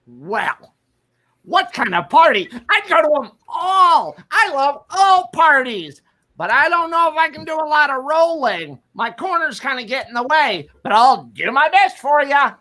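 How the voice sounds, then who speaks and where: A woman's voice: sits high, very animated, a little slow, pushed and bright, exaggerated voice. A woman voicing a cheerful boxy object with corners, a folksy bachelor in an improv sketch. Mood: chirpy. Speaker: bachelor contestant.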